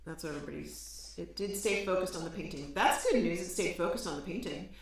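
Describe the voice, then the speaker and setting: Female co-host, casual and chatty, lower voice. Heavy trash-can reverb on her live stream audio. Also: fast, gravelly, recorded from a distance. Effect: boomy reverb, like talking into a trash can. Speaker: livestream co-host. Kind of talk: casual chat. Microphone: far-off computer mic on a live stream. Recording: echoey boxed-in sound with faint hiss.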